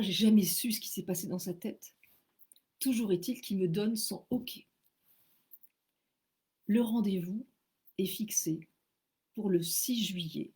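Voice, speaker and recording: A French woman telling a personal story in a casual, animated way, often stammering and poking fun at herself. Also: mid-range voice, husky. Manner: animated, stammering, self-mocking. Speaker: author telling her story.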